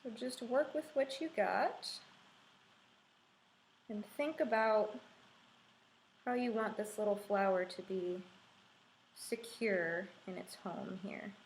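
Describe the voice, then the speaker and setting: A woman in her thirties teaches a craft in a calm, reassuring way, at a slow, unhurried pace. Her voice sits at a middle pitch. The room is echoey, with faint noise behind her. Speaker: art instructor leading a craft and meditation tutorial. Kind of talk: instructional talk while demonstrating a craft. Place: small room indoors with a window.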